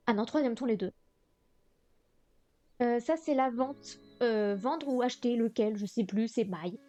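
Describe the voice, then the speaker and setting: A woman's voice: on the high side, darkish tone. A woman streaming live as she revises vocabulary, thinking aloud and often correcting herself. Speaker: streamer studying Chinese vocabulary. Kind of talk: live-stream study session.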